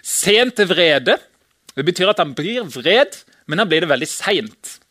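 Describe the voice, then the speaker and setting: A man delivers a casual, conversational sermon in a high, bright voice. He keeps it light, chuckling and acting out the lines he quotes. The sound is dry, with no room echo. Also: sing-song. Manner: casual, chatty, laughs often, acts out shouted quotes. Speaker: preacher. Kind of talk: informal sermon.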